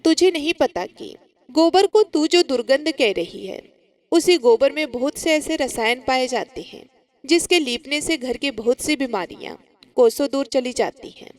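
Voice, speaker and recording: A woman's voice: high-pitched, animated, normal speed. A woman voicing an elderly devout mother who pleads with the goddess for her drowned son in a storybook tale. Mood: gently explaining. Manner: pleading, lamenting.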